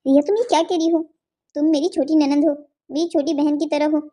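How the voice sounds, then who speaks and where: A caring young cartoon wife, voiced by a woman reassures her family in a high, warm-toned voice. She speaks gently and steadily. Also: fairly even intonation, a little fast, lightly acted. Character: brave, caring young wife, the elder sister-in-law.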